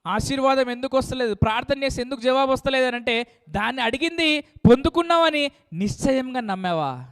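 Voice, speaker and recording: Brief: emphatic preacher calling for amens; high, smooth, resonant delivery. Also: male voice, expressive, fairly quick, fairly bright tone. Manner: emphatic, calls for amen and hallelujah. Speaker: pastor. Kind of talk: sermon.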